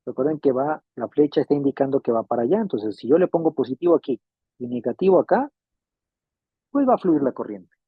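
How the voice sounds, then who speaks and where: A man's voice: mid-range voice, animated, brisk, slightly rough, dry recording. A man teaching a classroom lecture on electronics, patiently repeating points and checking that students follow. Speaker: refrigeration electronics instructor. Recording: tinny phone-like dry sound.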